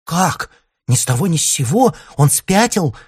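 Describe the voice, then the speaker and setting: A man voicing a frantic, easily scared young woman in a storybook reading, with shrill panicky cries. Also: expressive, normal speed, darkish tone, breathy edge, no echo, clean studio sound. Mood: panicked.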